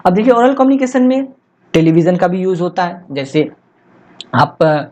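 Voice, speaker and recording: A man teaching as an exam-prep tutor, asking rhetorical questions and answering them himself, and slowly reading English textbook lines aloud. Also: high voice, sing-song, darkish tone. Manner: asks rhetorical questions and answers them himself, often says "theek hai". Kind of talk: explanatory online lecture. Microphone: voice-only recording, face not shown.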